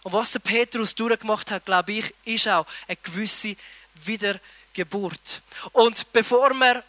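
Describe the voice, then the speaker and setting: Man, sermon, high pitch, dry close sound, emphatic storytelling. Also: no echo. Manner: animated, emphatic storytelling with repeated words. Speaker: preacher.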